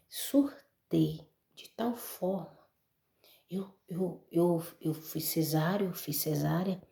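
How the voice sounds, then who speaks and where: A Brazilian woman gives an emotional testimony to a church audience, calling them brothers and folks. Her voice is low and gravelly, with a dark, mellow tone. The sound rings in a roomy space. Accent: Brazilian Portuguese. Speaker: testimony speaker.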